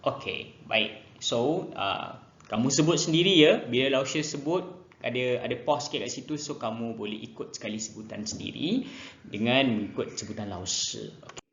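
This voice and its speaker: A man teaching a Mandarin lesson online, speaking slowly and repeating each word twice for students to copy. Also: medium pitch, vocal fry, fairly bright tone, echoey room, lo-fi sound, slight background noise. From Malaysia. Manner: slow, drills pronunciation by repeating words twice.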